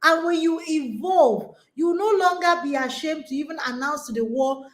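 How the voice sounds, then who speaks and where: Speaking at normal speed in a high voice, a woman in her forties urges on the women she coaches as a conference host. She addresses an online audience with emphatic motivation and keeps coming back to rallying phrases.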